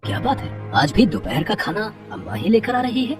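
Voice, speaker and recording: A man playing a hardworking, put-upon young farmer husband who pleads and calls out in an animated way. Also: high-pitched, normal speed, distant mic, loud music behind the voice. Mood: pleading.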